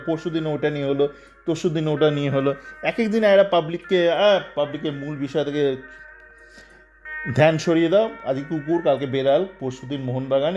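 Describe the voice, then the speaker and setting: A man's voice: a little high, a little mellow. A man giving a casual, sarcastic commentary on football, rambling with many fillers and acting out quotes in agitated voices.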